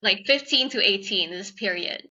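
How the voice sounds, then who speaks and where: Guest, woman from Singapore, young adult; bright, crisp voice, chatty with filler words, slightly dull remote audio. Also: medium pitch. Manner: quick, chatty, lots of "like" fillers. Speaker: podcast guest. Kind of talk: casual interview talk.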